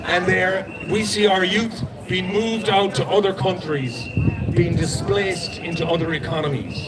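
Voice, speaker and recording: A man's voice: high-pitched, fairly even intonation, a little slow, very noisy. A man with a west of Ireland accent giving an insistent, explanatory impromptu speech at a street protest. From Galway, Ireland. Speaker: protest speaker. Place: outdoors in a city street among a crowd. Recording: outdoor street, very loud crowd.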